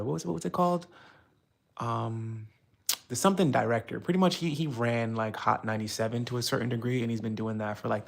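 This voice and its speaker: A young man from the United States chats on a live stream, loose and rambling, thick with fillers and restarts. His voice sits a little low and has a gravelly fry running through it. He sounds frustrated as he works his way through his thoughts. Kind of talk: casual live-stream talk.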